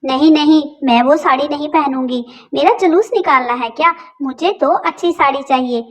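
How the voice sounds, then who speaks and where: A woman's voice: high voice, moderate pace, natural voice. A woman voicing a quarrelsome young wife who sarcastically threatens to leave for her parents' home. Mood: petulant. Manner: whiny, sarcastic, dramatic.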